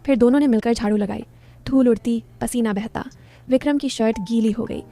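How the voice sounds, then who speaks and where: A woman narrating a scripted story in a steady, descriptive way. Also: on the high side, fairly quick, faint music behind.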